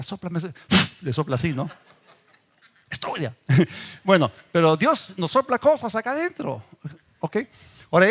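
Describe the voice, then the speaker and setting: A middle-aged male pastor preaching a sermon, dropping to a hush and rising to emphatic bursts. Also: fairly high pitch.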